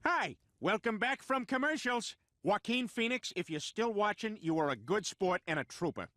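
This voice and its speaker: Brief: a rambling cartoon emcee, bouncy pitch, dead-dry sound. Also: male voice, lively intonation, moderate pace, sharp tone, no room sound. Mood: announcing. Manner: chummy, rambling announcer talk. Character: goofy male cartoon host, boisterous.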